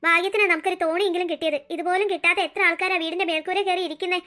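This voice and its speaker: A steady middle-aged cartoon father reassures his family and lectures them in a quick, bright voice. A woman acts him out. He sounds even and unshaken. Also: very high voice. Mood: steady reassuring. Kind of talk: cartoon story voice acting.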